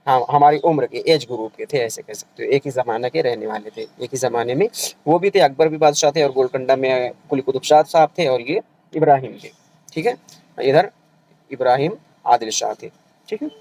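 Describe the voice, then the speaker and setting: A man teaching an online revision lecture for a language exam, explaining patiently and repeating each point, often pausing to check that the students are following. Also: mid-range voice, a little mellow, poor audio. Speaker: Urdu exam-prep teacher.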